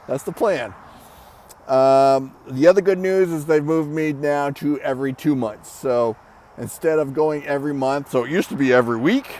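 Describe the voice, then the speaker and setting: A middle-aged man gives a casual, rambling personal update, out of breath with short shallow breathing and halting between brief phrases. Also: medium pitch. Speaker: vlogger giving a personal health update. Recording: outdoor background noise with passing traffic. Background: birds, traffic and motorcycles.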